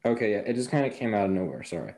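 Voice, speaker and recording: A man's voice: lowish voice, big pitch swings, rapid-fire, crowd noise. A man running a tabletop game podcast as game master, teasing his players in casual chat.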